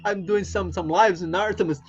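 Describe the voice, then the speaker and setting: A man's voice: high-pitched, fairly even intonation, brisk, lo-fi sound. A Brazilian man speaking English with a Brazilian Portuguese accent, hosting a casual live stream. He rambles and repeats himself, with many fillers. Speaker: livestream host.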